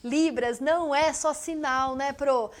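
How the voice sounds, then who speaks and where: A woman's voice: sits high, steady tone, slow. A woman studio teacher running a live online class, upbeat and speaking straight to the students. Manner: upbeat, addresses students directly.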